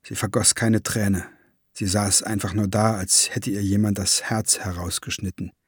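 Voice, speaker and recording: A man reading an audiobook in slow, measured scripted narration. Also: on the low side, flat delivery, husky, no echo, clean studio sound.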